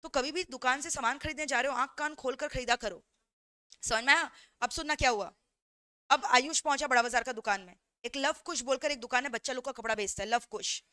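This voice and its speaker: A woman law teacher giving an animated revision lecture through stories, mixing in English phrases and constantly checking that students follow along. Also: sits high, a little fast, no echo, studio quality.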